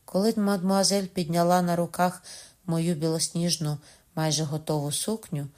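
Expressive woman reading an audiobook. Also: normal speed. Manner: lively, rising high when quoting excited speech. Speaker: audiobook narrator.

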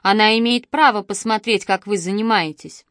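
A woman's voice: mid-range voice, moderate pace, fairly bright tone, no room sound, studio quality, lightly acted. A woman reading the lines of a busy middle-aged mother who talks in a matter-of-fact, dismissive way in an audiobook. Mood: calm dismissive. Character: tired busy middle-aged mother, calm then sharp. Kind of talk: audiobook dialogue.

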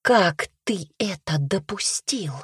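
A woman voicing a pushy, excitable young sister who presses questions in a higher, raised voice. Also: measured pace, breathy edge, no room sound, clean studio sound. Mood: alarmed. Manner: insistent, raises voice.

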